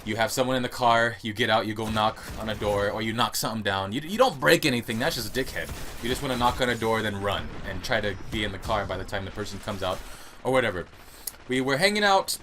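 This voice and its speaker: A young American man, the host of a YouTube gaming channel, rambles and laughs through a casual Q&A monologue recorded at home. His voice is on the low side with a fairly bright tone, and slight background noise can be heard.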